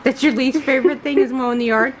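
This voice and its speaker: A woman, a mother hosting a casual family question round, prompting her children with brisk questions and short encouraging replies. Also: high voice, fairly even intonation, crowd noise, rough recording. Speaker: mother and channel host interviewing her children.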